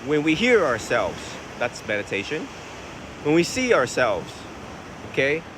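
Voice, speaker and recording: A man from Vietnam, a Buddhist monk, answering viewers' questions in a relaxed, conversational way outdoors by the ocean, recorded on a phone. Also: a little high, unhurried. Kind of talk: casual outdoor Q&A talk. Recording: phone recording with wind and surf noise. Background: ocean waves and wind.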